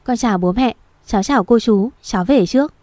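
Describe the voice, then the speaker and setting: A woman's voice: fairly high pitch, brisk, mellow, no room sound, lightly acted. A woman reading a polite caring young man. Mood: gentle.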